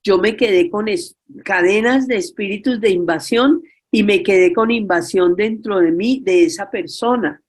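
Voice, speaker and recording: A woman's voice: mid-range voice, normal speed, breathy edge. Earnest older woman preaching forgiveness. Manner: earnest, repetitive, personal testimony. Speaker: religious workshop speaker. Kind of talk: spiritual talk on forgiveness.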